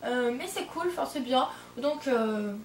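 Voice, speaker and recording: A woman's voice: high-pitched, animated, a little slow, slight background noise. A young woman in her twenties from France chatting casually in a vlog, rambling with lots of fillers and self-corrections. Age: 20s. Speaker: au pair vlogger. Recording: roomy echo, distant from the mic.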